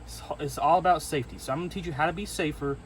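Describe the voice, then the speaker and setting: A man's voice: fairly high pitch, a little hiss or hum, low-quality recording. A man hosting an airsoft video, out of breath and joking to camera outdoors in the heat, with a playful, self-mocking delivery. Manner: playful, self-mocking, drawn-out comic pauses. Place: outdoors in hot weather.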